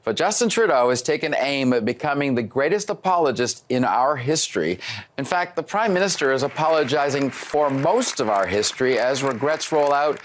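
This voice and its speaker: A man's voice: on the high side, slight background noise. A man reading scripted political commentary in a wry, sardonic tone.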